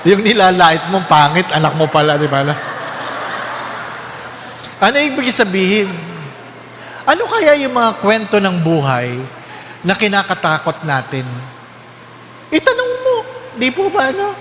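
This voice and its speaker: A male priest preaching a sermon, lively and joking, often quizzing the congregation. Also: sits high, unhurried, long pauses, slight background noise. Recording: echoey hall with faint ambience.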